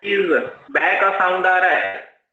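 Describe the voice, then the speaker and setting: Slow, questioning Indian teacher in a roomy class. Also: male voice, high voice, bright, forceful tone. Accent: Indian English. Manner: explains step by step, asking and answering his own questions. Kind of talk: live online exam-prep class. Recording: roomy, slightly dull live-class audio.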